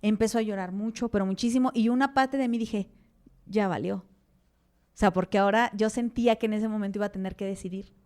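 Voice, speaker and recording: A woman's voice: medium pitch, steady tone, quick pace, a little mellow. A Mexican woman, a mother and podcast guest, telling her story animatedly, acting out dialogue with many fillers. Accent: Mexican Spanish. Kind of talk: interview conversation.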